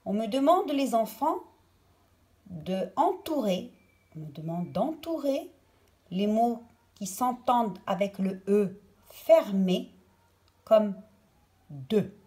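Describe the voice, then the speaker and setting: A woman teacher giving a pronunciation lesson to children, saying single words slowly and with exaggerated care. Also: medium pitch, very animated, mellow. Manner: slow, deliberate, over-articulated word drills.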